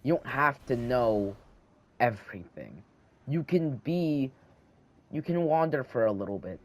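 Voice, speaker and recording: A teenage gaming channel host with a slight lisp chats casually over gameplay at home, wandering from thought to thought and often restarting while holding a handheld microphone. His mid-range voice is very animated but a little slow.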